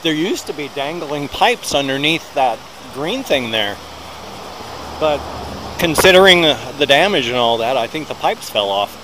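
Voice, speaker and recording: A middle-aged American vlogger with a fairly high voice and big swings in pitch talks unhurriedly while walking through a small town next to a busy road. Chatty and rambling, he often pokes fun at himself, speaking into a small recorder held near his mouth as loud traffic passes.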